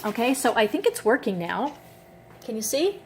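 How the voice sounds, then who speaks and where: A woman's voice: a little high, big pitch swings, normal speed, a little hiss or hum. A woman giving an enthusiastic, chatty product demo to a camera she holds in her hand, poking fun at herself as she goes. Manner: chatty, enthusiastic, self-mocking. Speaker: product reviewer. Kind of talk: casual demo talk to camera. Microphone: handheld camera mic.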